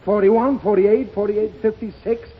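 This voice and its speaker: A frazzled father losing patience over his taxes is acted out in a 1930s radio comedy, his high voice jumping around yet steady in tone, at a moderate pace with a breathy edge. He's exasperated, flustered and sputtering, playing it theatrically. The old broadcast sounds dull, with hiss and a studio audience.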